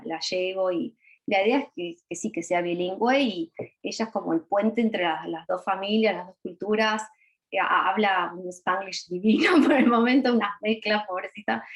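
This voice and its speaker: A woman's voice: lowish voice, highs cut off. A woman in her thirties from Argentina with an Argentine Spanish accent, speaking as a panelist on a video call, shy and hesitant with many fillers. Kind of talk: virtual panel talk.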